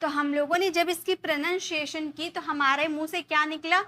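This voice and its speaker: A woman teaching spoken English in Hindi, walking through each example step by step. She poses a question and answers it herself. Her voice sits high and sounds bright. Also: fairly even intonation, fairly quick.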